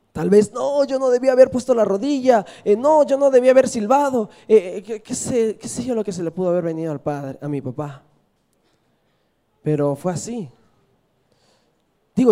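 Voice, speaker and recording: Mellow-voiced preacher asking questions. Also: male voice, high-pitched. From Peru. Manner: storytelling, asks the congregation questions, often adds "¿verdad?". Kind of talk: sermon.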